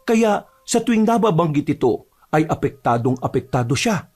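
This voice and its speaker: A man's voice: fairly high pitch, very animated, normal speed, a little mellow, slightly rough. Man narrating a horror story. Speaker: narrator and lead character.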